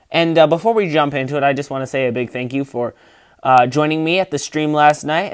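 Man, casual rambling vlogger, dry close phone sound, mid pitch. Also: smooth, no echo. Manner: rambling, many fillers and restarts. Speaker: Lego city builder and channel host. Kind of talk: casual vlog walkthrough. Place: indoor room with a large Lego table, behind the camera.

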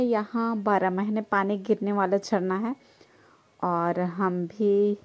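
Slow, mellow woman narrating a vlog. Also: mid-range voice. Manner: slow, descriptive, praising the scenery. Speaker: vlogger.

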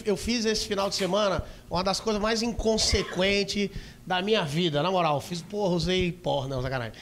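A male stand-up comedian with a Brazilian accent, telling a story in a rowdy, swearing way and acting out scenes with sudden shouts. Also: high-pitched, brisk, a little hiss or hum. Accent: Brazilian Portuguese. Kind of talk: stand-up routine. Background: audience laughter.

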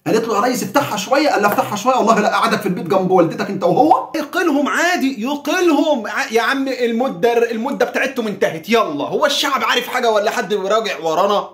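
A man's voice: very high-pitched, lively intonation, rapid-fire, hardly any pauses, fairly bright tone, echoey room. A man with an Egyptian accent giving heated, sarcastic political commentary.

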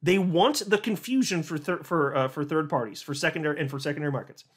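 A man's voice: fairly high pitch, fast talker, fairly bright tone, husky. A man hosting a crypto commentary, reading a legal filing aloud and reacting with sarcastic disbelief, often restarting words as he gets worked up. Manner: incredulous, sarcastic, laughs in disbelief.

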